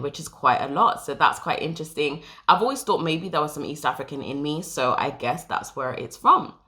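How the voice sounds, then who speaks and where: A woman's voice: sits low, fairly bright tone. A young woman from Jamaica talking casually to camera as a vlogger, explaining step by step and reading from notes.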